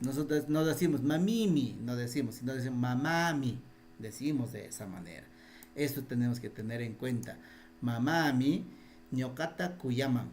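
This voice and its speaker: In a mellow, medium-pitched voice, a man runs an online class on Quechua spelling, speaking Peruvian Spanish over a video call. Patient repetition of his points alternates with quizzing the students.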